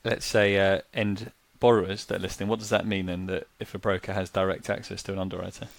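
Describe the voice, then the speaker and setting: A man co-hosting a podcast puts one methodical question after another. His voice sits low, and the sound is dry and close, with almost no room around it. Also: level tone, fast talker, vocal fry, no echo. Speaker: podcast co-host, financial planner. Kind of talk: interview questions.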